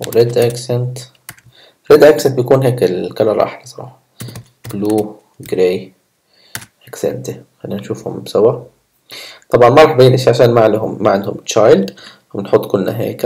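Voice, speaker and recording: With a fairly low, mellow voice and some vocal fry, a man teaches coding in a relaxed tutorial. He chats to his viewers as he types code, acting as their programming instructor. The sound of typing runs underneath.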